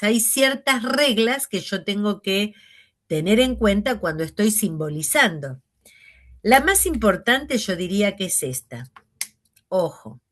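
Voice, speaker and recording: Slow Rioplatense woman teaching logic. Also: mid-range voice, a bit bright. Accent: Rioplatense Spanish. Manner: slow, explanatory, exaggerates pauses and stresses. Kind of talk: classroom lecture.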